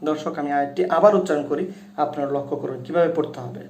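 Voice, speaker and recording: Man, high mellow voice, patient tutor addressing viewers and chanting verses drawn out, roomy echo. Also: very fast, a little hiss or hum. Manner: addresses viewers directly and repeatedly. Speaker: Quran recitation teacher. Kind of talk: tutorial on Quran pronunciation and tajweed.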